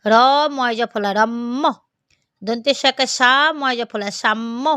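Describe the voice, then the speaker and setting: High-voiced woman sounding out syllables. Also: pushed and bright, smooth, no room sound, clean studio sound. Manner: slow, deliberate sounding out of syllables. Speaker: reading teacher. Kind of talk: spelling-out reading lesson.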